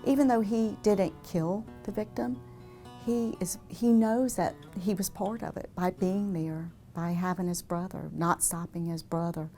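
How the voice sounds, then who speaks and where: A woman speaking earnestly and in a measured way in a documentary interview. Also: medium pitch, steady tone, warm tone, soft background music.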